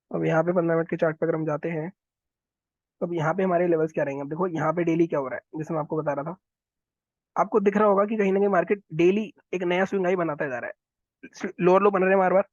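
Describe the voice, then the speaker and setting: A man talking viewers through market charts, quick and instructive, often repeating his phrases. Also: sits high, darkish tone, no echo, dull audio. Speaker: stock market analyst. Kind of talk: chart analysis walkthrough.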